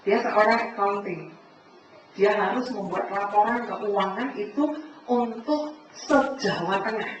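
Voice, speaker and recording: A woman giving a preaching talk to a congregation, animated, acting out conversations and often addressing her listeners directly. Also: mid-range voice, takes it slowly. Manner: animated, acts out dialogue, keeps addressing the listeners. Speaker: speaker at a church family fellowship. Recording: echoey hall from far off, dull sound, faint noise.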